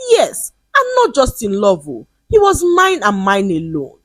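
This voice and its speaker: A woman's voice: mid-range voice, wildly swooping pitch, unhurried, fairly bright tone, no room sound, heavily acted. A woman voicing a proud young woman who brags that a man begged to marry her. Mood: boastful. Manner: boastful and haughty.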